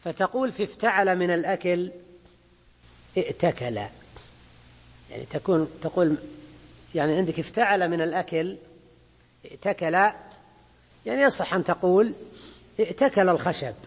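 Man, grammar teacher, measured explaining, long hall reverb, husky. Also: high-pitched. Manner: measured, checks in with students with rhetorical "ha?". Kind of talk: classroom lesson explaining a grammar text.

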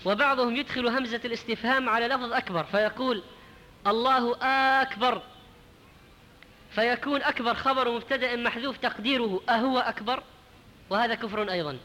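A man teaching a religious lesson, his high voice quick and bright. He stops to sound out words slowly and carefully. The sound rings with the long reverb of a hall. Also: a little hiss or hum. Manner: explanatory, demonstrating pronunciation slowly. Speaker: preacher.

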